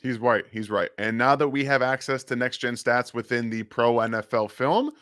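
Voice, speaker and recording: A man's voice: mid-range voice, moderate pace, dry recording, clean studio sound. A man co-hosting a casual sports podcast over a remote call, arguing his points in an opinionated way. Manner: animated and opinionated, pushes points hard. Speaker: podcast co-host.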